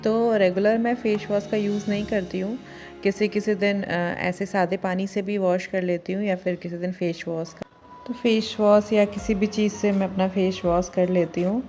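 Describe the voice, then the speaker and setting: A woman, a mother of two, narrating her daily routine in a chatty, homely vlog with many filler pauses. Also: mid-range voice, level tone, warm tone, faint music behind.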